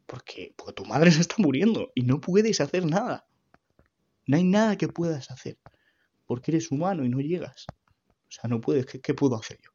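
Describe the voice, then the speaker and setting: Man, husky voice, halting earnest testimony, muffled lo-fi sound. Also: on the high side, very animated, dark tone. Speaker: grieving son giving testimony. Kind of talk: personal faith testimony.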